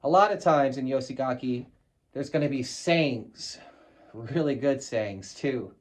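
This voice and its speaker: A middle-aged American man with a medium-pitched, slightly slow voice casually shows and explains a wartime flag on camera. The show-and-tell vlog is blunt and profane, sprinkled with wry asides.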